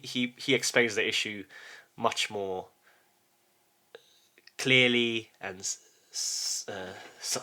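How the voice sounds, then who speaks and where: A man hosting his own channel, thinking aloud in a reflective monologue, halting with frequent restarts and a soft "yes?" to check in with the listener. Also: fairly low pitch. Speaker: channel host.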